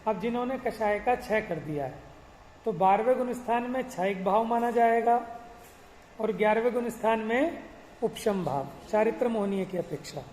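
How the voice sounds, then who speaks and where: Male scripture teacher, mellow tone, chants verses slowly and poses questions; roomy hall, faint background hiss. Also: high-pitched. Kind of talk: explanatory religious class lecture.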